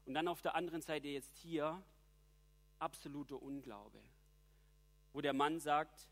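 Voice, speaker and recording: A man's voice: on the high side, measured pace. Earnest German-speaking preacher man. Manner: earnest, reflective, reads scripture aloud. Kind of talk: sermon.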